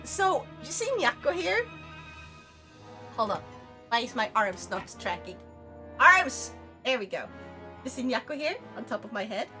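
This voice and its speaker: A woman livestreamer chatting casually while gaming, giggly and excitable, swearing freely. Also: fairly high pitch, unhurried, long pauses, soft background music. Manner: frequent swearing.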